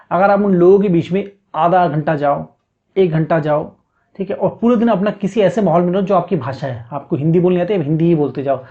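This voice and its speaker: Over a dull lo-fi recording, a meditation teacher with a high, slightly mellow voice walks the listener through the practice in stages. His manner is repetitive and coaxing, with frequent "theek hai" check-ins as he patiently instructs.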